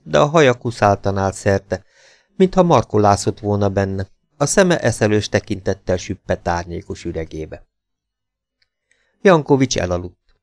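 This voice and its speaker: A man with a fairly low voice reads an audiobook in a measured, even way. The recording is dry and close to the mic. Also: no echo. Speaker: audiobook narrator. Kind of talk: audiobook narration.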